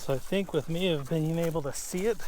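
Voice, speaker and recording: A man's voice: a little high, brisk, a little mellow, slight background noise. A man narrating his hike in a casual vlog, musing aloud with easy fillers, recorded outdoors on a camera mic. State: out of breath at times. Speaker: outdoor adventure vlogger. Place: outdoors in a desert canyon.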